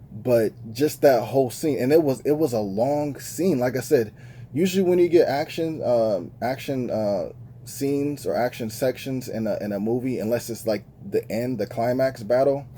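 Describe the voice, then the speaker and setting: A man's voice: mid-range voice, dark tone, slight background noise. A man giving a casual, slang-filled movie review with lots of fillers, talking straight to his viewers. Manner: laid-back slangy talk, many fillers.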